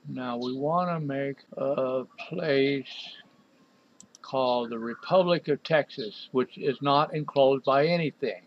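Exasperated man narrating a software walkthrough. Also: medium pitch, slow, muffled recording, slight background noise. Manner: exasperated, talks to himself while clicking. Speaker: software developer reviewing a program. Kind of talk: screen-recorded software walkthrough.

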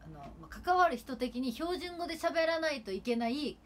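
Speaking Kagawa dialect on a relaxed livestream from home alongside her sister, a twenty-something idol streamer from Kagawa, Japan rambles on with plenty of fillers. Her voice is high-pitched and animated, delivered at normal speed.

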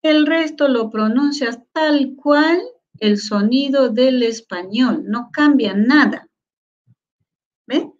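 A woman teaching a lecture on Quechua, sounding out syllables slowly and often stopping to ask whether her listeners follow. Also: high-pitched, highs cut off. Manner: asks many rhetorical check questions. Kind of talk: online lecture.

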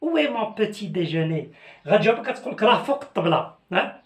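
A man with a Moroccan accent teaching French, slowly repeating phrases and switching between languages. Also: sits high, big pitch swings. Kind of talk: language lesson. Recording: echoey room.

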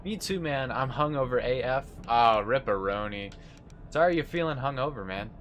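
A man's voice: medium pitch, expressive, moderate pace, a bit bright, slight background noise. A young American man chatting casually as he plays a game, replying to his viewers. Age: young adult. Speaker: game streamer. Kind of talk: casual chat while playing, replying to viewers. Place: indoor room at a desk. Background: faint game music.

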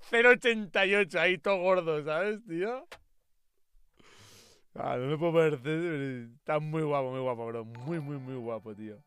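Excitable young man with a Spanish accent. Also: fairly high pitch, measured pace, pauses often, clean tone, no echo. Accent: Spain Spanish. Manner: excitable, swears freely, jokey insults. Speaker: streamer. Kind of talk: casual livestream chat reacting to fan art.

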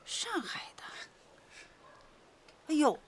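An actress playing an older village mother who talks softly and sighs over fate. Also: drawn-out words, a little hiss or hum. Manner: soft, sighing. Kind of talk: TV drama acting.

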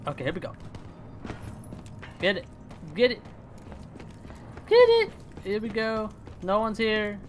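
A young man hosting his gaming channel, chatting casually and reacting out loud as he plays. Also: high voice, takes it slowly, pauses often, slight background noise. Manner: excitable, chatty, swings between hushed focus and loud outbursts. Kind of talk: casual gameplay commentary.

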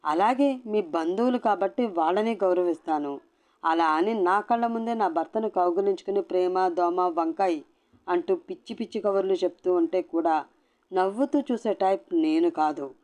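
A fierce young wife confronts her in-laws head-on, blunt and scolding, as a woman voices her. She speaks quickly and with a hard edge throughout this storybook scene. The voice underneath stays low and mellow. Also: close to an everyday voice. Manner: sharp, scolding.

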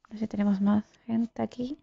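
A young woman from giving live gameplay commentary, excitable, swearing and talking to her viewers. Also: on the high side, brisk, creaky, husky, muffled recording. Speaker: gaming YouTuber.

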